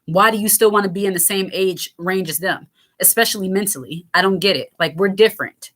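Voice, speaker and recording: Hosting a laid-back show where she responds to viewer comments, this thirtysomething woman has a raspy, lowish voice with a fairly bright tone and a fairly quick pace. Her talk is candid and playful, peppered with fillers, restarts, and self-interruptions.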